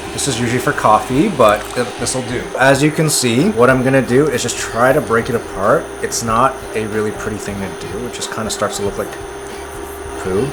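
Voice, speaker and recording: A man giving a casual cooking tutorial in his home kitchen, talking in a relaxed, chatty and self-deprecating way. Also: medium pitch, background noise. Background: background music.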